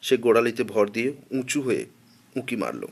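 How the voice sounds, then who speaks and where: A man narrating a translated literary story in a measured, slow reading voice. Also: mid-range voice, sing-song, creaky, slightly rough.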